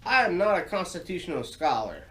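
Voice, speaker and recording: An American man with a slightly high voice hosts a casual solo podcast from his home garage. He rambles in a folksy, informal way, and he is getting over sinus surgery that bothers his throat. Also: very animated, brisk, fairly bright tone. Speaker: podcast host.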